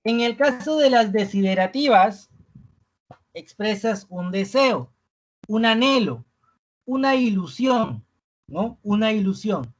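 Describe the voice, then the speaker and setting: This is a live online review class where the teacher, medium-pitched with lively intonation, keeps adding "¿no?" as a question at the end of almost every phrase and slowly repeats the words that matter most.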